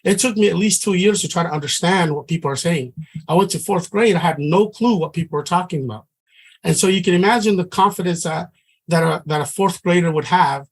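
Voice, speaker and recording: Teaching a trading class, the middle-aged Samoan man talks fairly quickly in a high voice. He comes across as earnest and conversational, with many restarted sentences.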